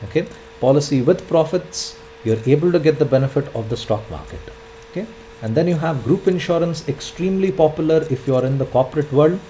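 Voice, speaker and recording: A man's voice: a little high, brisk, mellow, a little hiss or hum, poor audio. A man, teaching an e-learning lesson in an explanatory way, with frequent fillers and repeated points. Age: 20s. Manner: filler-heavy, repeats points, says "in fact" often. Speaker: instructor.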